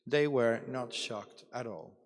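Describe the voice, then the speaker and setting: A man giving a formal, reflective address at a conference closing ceremony, with deliberate dramatic pauses. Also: medium pitch, animated. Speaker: ceremony speaker. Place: large hall at a ceremony. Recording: long reverb of a large hall.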